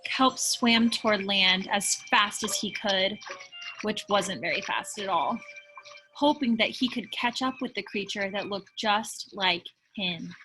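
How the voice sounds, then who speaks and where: A woman reading a children's picture book aloud in an expressive storytelling style. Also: medium pitch, a little slow, rough recording. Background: music behind the voice.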